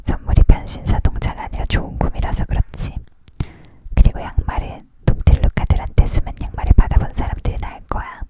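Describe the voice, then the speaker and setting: A reader voicing a gruff, boastful male Santa Claus in a whispered role-play of a storybook, grumbling and justifying himself. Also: brisk, lightly acted. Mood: defensive.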